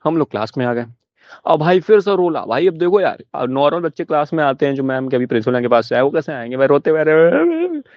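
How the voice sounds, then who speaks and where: A young man doing stand-up comedy, telling a school story in an animated way and laughing along with it. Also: medium pitch, quick pace, dry recording, muffled recording.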